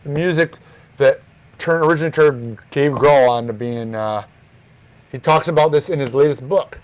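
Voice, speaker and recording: A man hosting a record store's morning show, casually talking through records and their prices in an offhand, relaxed way. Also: a little high, moderate pace.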